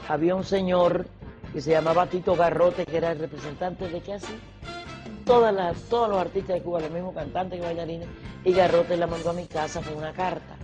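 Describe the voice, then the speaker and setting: A man's voice: a little high, fairly even intonation, fairly quick, music in the background. A man in an interview, recounting past events in a plain, matter-of-fact way. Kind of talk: reminiscing interview.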